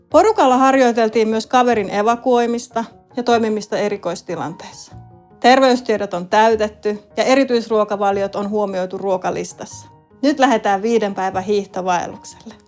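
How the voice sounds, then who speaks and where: A woman with a Finnish accent, a lead wilderness guide telling a first-person story in a calm, matter-of-fact way. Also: fairly high pitch. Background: soft background music.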